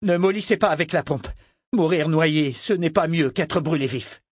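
A man voicing a gruff ship captain who barks commands, in an audiobook. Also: on the high side, moderate pace, no echo, voice pushed up, close to an everyday voice. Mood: shouting orders. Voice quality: barking, commanding. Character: gruff male ship captain shouting orders. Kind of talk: audiobook character voice.

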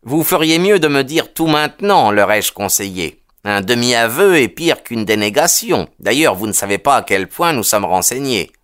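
A smug police detective, as an audiobook reader plays him, telling of his inquiry in a chatty, self-pleased way with small hesitations. His voice stays close to the narrator's own, with lively, animated intonation. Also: mid-range voice, moderate pace, hardly any pauses. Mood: insistent. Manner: conversational, pleased with himself, hesitant fillers.

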